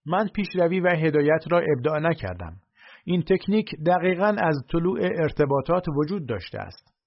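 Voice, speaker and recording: A man reading a first-person audiobook in a steady, measured way. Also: on the high side, lo-fi sound. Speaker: audiobook narrator.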